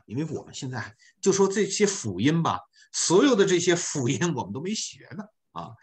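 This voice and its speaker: A man teaching an online beginner class, explaining slowly and patiently with many filler particles. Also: medium pitch. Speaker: volunteer French teacher.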